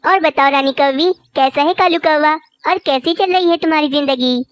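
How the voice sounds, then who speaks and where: A woman's voice: high-pitched, moderate pace, dry recording, natural voice. A woman voicing a nosy, teasing cartoon bird. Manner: prying, teasing. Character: gossipy female neighbor bird. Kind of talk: cartoon voice acting.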